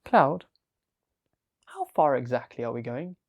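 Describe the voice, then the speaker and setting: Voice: mid-range voice, very animated, a little slow, a little mellow. A storyteller voicing a curious young woman who asks questions on a walk.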